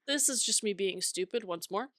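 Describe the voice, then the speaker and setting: A woman's voice: medium pitch, animated, moderate pace, fairly bright tone, no echo, studio quality. A young woman co-hosting a podcast, chatting casually and laughing through her own stories. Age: young adult. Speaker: podcast co-host.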